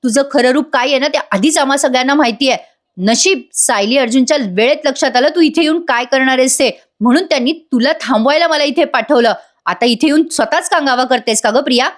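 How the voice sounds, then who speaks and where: A stern young heroine scolds and confronts a liar with firm, clipped lines, played by a woman. The voice sits somewhat high. She speaks with steady authority. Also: brisk, lightly acted. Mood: scolding.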